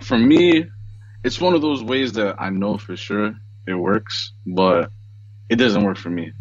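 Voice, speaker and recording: An American man in his thirties co-hosts a podcast over a video call from a small room at home, relaxed, chatty, chuckling often and using many fillers. His voice is on the low side and a little slow. He speaks through a headset, and the call audio is slightly dull and lo-fi, with no room sound.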